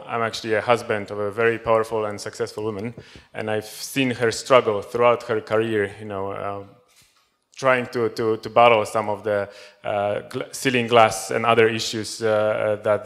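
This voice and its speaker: A man in his thirties speaks on a conference panel in a low, even voice with little pitch movement. He talks into a handheld microphone and often hesitates and restarts. His tone stays level and matter-of-fact. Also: normal speed. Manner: hesitant, many fillers and restarts. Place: conference hall with audience.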